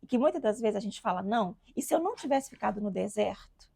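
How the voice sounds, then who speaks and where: A woman's voice: medium pitch, lively intonation, quick pace, gravelly, warm tone, breathy edge, no room sound. A woman from Minas Gerais, Brazil, telling her own life story as an interview guest, heartfelt and re-enacting what she once said. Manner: heartfelt, reenacts her own past words. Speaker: guest entrepreneur and mother. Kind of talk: emotional personal testimony.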